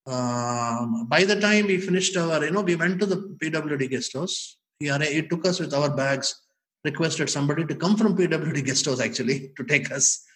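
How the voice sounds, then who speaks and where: An older man with an Indian accent telling memories in an animated, emphatic, conversational way, often addressing the listener as sir. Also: on the high side, low-quality recording. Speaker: former bank inspector telling memories. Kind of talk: conversational storytelling.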